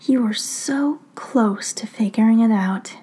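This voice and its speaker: A sinister male fox spirit speaks in hushed, unhurried tones, taunting his captive, as a woman puts him on in a storybook reading. It is whispered role-play, breathy and mellow, never raised. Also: a little high. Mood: calm menace. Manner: calm, taunting.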